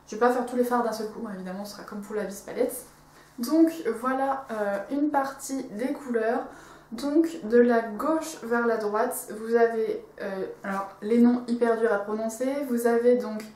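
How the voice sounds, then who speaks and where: A woman's voice: fairly high pitch, a little mellow, echoey room. A woman reviewing a makeup palette in a casual, enthusiastic vlog, with many fillers and restarts. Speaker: beauty vlogger.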